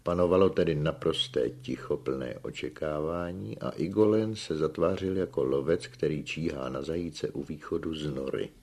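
A man narrating a story aloud in a measured, expressive reading. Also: very deep voice. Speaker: audiobook narrator.

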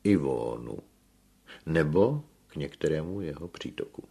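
A self-important young engineer, as a male storyteller puts him on, speaking slowly and emphatically and rolling his R's. His voice sits higher and louder than the reader's own deep tone. The pitch swings widely as he stresses every learned term. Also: expressive, vocal fry, breathy edge, full character voice. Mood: lecturing. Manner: slow, emphatic lecturing with rolled R.

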